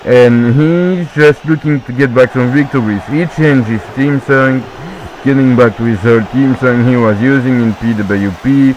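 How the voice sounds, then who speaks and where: Slow, excitable French man calling wrestling. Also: medium pitch, highs cut off, a little hiss or hum. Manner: excitable, jokey asides, repeats calls. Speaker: wrestling commentator. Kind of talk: play-by-play commentary.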